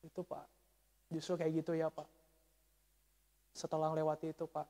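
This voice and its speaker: A male pastor preaching a sermon, telling a story with lively swings and calling to the congregation as he goes. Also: fairly high pitch, normal speed. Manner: animated storytelling, addresses congregation as Pak and Bu. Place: church sanctuary. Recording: church hall reverb.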